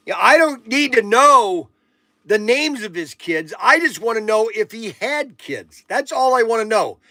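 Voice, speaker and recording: A man's voice: high-pitched, bright, forceful tone, dry recording. A man in his sixties hosting a casual livestream, rambling and joking with viewers as he reads out their comments. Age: 60s. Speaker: livestream auction host.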